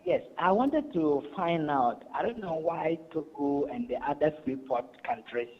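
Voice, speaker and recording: A man's voice: on the high side, expressive, measured pace. A man from Ghana calling in, speaking hesitantly and repeating himself. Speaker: caller. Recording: dull lo-fi phone call.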